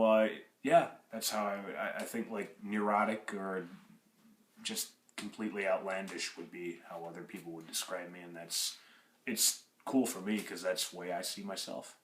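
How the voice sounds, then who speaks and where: A young man in his twenties, born in Russia and raised in Michigan, rambles through audition interview questions for an acting spot, restarting often and filling gaps with fillers. His voice is low and slightly bright, recorded in a roomy space with a faint hiss or hum.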